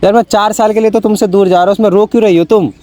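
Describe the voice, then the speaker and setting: A young man running a prank vlog, pleading and coaxing, repeating his words to calm someone down. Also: high-pitched, racing, loud music behind the voice. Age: young adult. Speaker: prank vlogger. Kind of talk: casual prank vlog argument.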